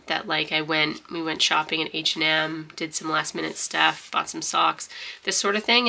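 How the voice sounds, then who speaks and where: Paging through a journal, this young woman vlogger talks casually and rambles, full of fillers and false starts. She speaks in a low, congested voice that's bright and pushed, with noticeable vocal fry.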